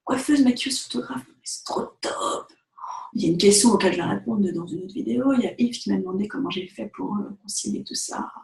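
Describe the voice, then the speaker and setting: A woman talking casually to the camera as a vlogger and photographer, chatty and animated, filling her talk with asides and fillers. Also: medium pitch, quick pace, vocal fry. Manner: chatty, animated, direct address with many fillers. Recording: echoey room.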